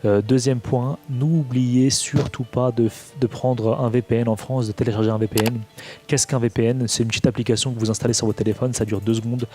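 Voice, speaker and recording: A man from Morocco talks through practical travel tips in a casual, unscripted way, stumbling over his words with frequent fillers and restarts. His mid-pitched delivery stays flat and level throughout, with faint music playing underneath. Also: fairly quick. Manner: hesitant, many fillers and restarts. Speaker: vlogger giving travel advice. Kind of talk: casual advice to camera.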